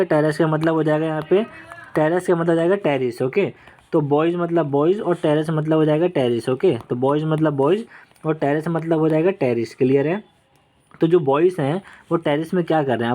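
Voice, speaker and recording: A man's voice: fairly high pitch, darkish tone. A young man giving an exam vocabulary lesson, repeating points and checking in with "okay" and "right". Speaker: vocabulary teacher.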